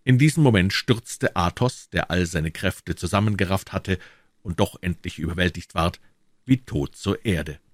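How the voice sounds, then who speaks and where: A man narrating an audiobook in a measured, even reading. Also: low-pitched, dry recording, studio quality. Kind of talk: scripted narration.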